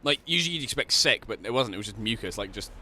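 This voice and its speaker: A man's voice: on the low side, expressive, fast talker, pushed and bright, a little hiss or hum. A young Scottish man from Glasgow chatting casually on a live game stream, rambling, swearing heavily and laughing often. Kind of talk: casual live-stream chat while gaming.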